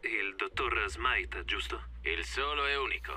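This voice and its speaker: A polite corporate greeter in a video game cutscene. His voice sits rather low and is very bright, and it sounds as if it was recorded a fair way off the microphone. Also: animated, unhurried, a little hiss or hum, full character voice. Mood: courteous. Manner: formal, courteous. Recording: distant from the mic.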